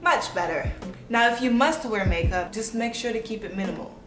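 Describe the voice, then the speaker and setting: A woman's voice: fairly high pitch, normal speed. A young woman in her twenties chatting casually to camera as a modeling vlogger, playful and bubbly with jokey asides. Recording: echoey room with music playing. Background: music.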